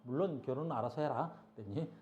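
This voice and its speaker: A middle-aged male teacher giving a classroom lecture, chatty and lively, often stopping to ask the class if they understand and scolding students in passing. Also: mid-range voice, quick pace, slight background noise. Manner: keeps asking "알겠니?" to check understanding. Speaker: high school biology teacher. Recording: dull lo-fi classroom recording.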